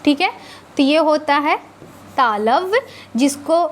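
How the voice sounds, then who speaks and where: In an animated, high-sitting voice, a woman gives a Hindi grammar lecture. She asks questions and answers them herself, often ending with a tag question, and slowly stretches sounds to demonstrate pronunciation.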